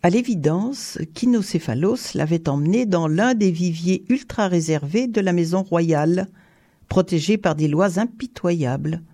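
Gravelly dark audiobook narrator. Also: mid-range voice. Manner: measured storytelling.

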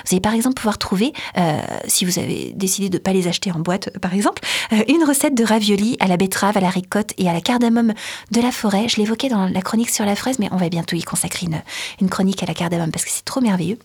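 A woman on a podcast sharing food notes in a husky, slightly breathy voice. She talks in a chatty, enthusiastic way, pausing with fillers as she goes. Her pitch sits mid-range. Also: darkish tone. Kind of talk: casual podcast chat.

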